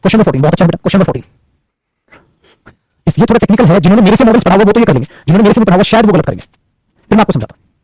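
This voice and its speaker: A high-voiced male teacher talks fast and swoops up and down as he lectures. His voice is a bit husky and sits close and dry on the mic. He teases and scolds his students as he goes. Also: lively intonation, a little mellow, no echo, low-quality recording. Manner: scolding, teasing, calls students beta. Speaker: English grammar teacher. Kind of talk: classroom lecture in Hindi mixed with English.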